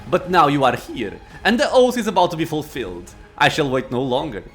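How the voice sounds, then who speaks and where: Guy doing an ancient undead lich king for a fantasy game, haughty n impatient, formal talk, really animated pitch, faint music. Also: a little fast. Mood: proud, impatient. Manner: imperious, archaic formal speech. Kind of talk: acted reading of fantasy game dialogue.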